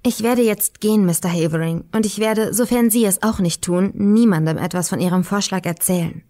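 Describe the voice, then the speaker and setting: A woman's voice: medium pitch, a little fast, warm tone, natural voice. A woman voicing a young female student, cornered and pushed to pleading. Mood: defiant. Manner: firm, then pleading.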